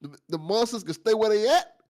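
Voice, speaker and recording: Animated and brisk, with a high-sitting voice and darkish tone, the after-show host of a fiction podcast gushes informally in a casual discussion. He praises effusively and swears a little.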